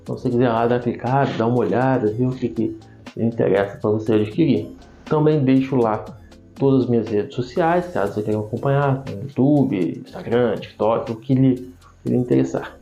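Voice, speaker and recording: Creaky, slightly tongue-tied Brazilian man teaching. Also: medium pitch, fairly quick, mellow. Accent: Brazilian Portuguese. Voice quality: slight tongue-tie in articulation. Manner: didactic, enumerating points. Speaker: YouTube writing tutor. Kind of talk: informal explanatory video lesson. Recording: dull lo-fi sound, music behind. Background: background music.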